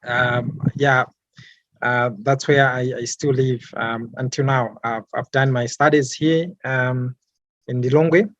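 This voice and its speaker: A man's voice: mid-range voice, steady tone, slow, a bit bright, dry recording, dull audio. A young man from Malawi, an environmental activist, answering interview questions hesitantly, with many fillers and repeated words.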